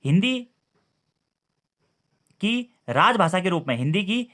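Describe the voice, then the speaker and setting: A man's voice: sits high, big pitch swings, unhurried, fairly bright tone. A man teaching an exam-prep lesson, asking questions and repeating the key answers to his listeners.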